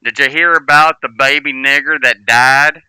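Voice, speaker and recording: A man voicing an old Southern veteran with a thick Southern drawl, loud and hollering. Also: mid-range voice, steady tone, moderate pace, clear, resonant tone, dry recording, voice pushed up, poor audio.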